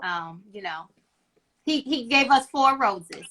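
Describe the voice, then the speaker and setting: A woman in her fifties hosting a casual panel chat, talking haltingly with many fillers and restarts. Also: fairly high pitch, lively intonation, sharp tone. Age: 50s.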